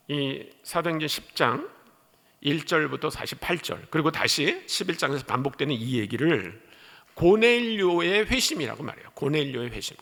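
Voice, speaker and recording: A male missionary preacher giving an animated sermon in a church, reading scripture and asking the congregation questions. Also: a little high, gravelly. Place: church sanctuary. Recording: echoey church hall.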